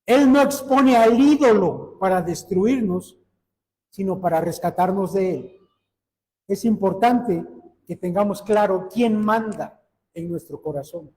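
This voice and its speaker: A man's voice: high-pitched, measured pace, a little mellow, long reverb tail, low-quality recording. A man preaching a sermon in an earnest manner, asking his listeners direct questions.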